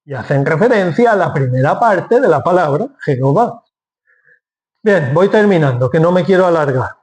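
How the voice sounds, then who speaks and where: High-voiced man preaching a sermon. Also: animated, moderate pace, darkish tone. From Spain. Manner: explanatory, asks and answers his own questions.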